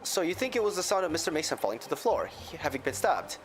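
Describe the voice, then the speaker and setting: A man's voice: a little high, very animated, fast, soft background music. Man voicing a flustered young defense lawyer. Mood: flustered, questioning. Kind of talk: voiced reading of game dialogue.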